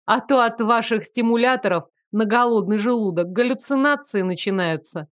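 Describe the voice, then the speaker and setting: A woman's voice: a little high, normal speed, dry recording, lightly acted. Wry, cheerful student girl in a fantasy audiobook , read by a woman; dry sound.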